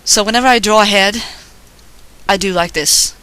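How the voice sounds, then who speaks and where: A squeaky, thin-voiced artist casually narrating a drawing process in an informal, rambling, self-deprecating way. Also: moderate pace, pushed and bright, clear, resonant tone. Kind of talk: casual drawing tutorial commentary.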